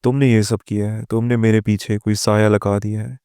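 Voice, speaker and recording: A man voicing a terrified, paranoid young wife in a spoken moral story, his tone low and flat. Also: smooth, no room sound, clean studio sound, lightly acted. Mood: frantic.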